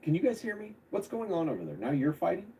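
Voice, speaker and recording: A man's voice: on the high side, huge pitch swings, fast talker, warm tone, a little hiss or hum. A man heard over a phone or video call, hosting and questioning his parents in a casual family argument, with probing, incredulous questions. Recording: dull, distant call audio.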